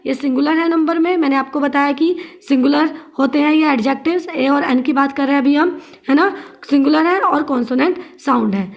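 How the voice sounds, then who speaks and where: A woman's voice: sits high, a little fast, creaky. A female school teacher giving a grammar lesson to young students, asking questions and answering them herself, spelling out words letter by letter. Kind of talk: classroom grammar lesson in Hindi and English.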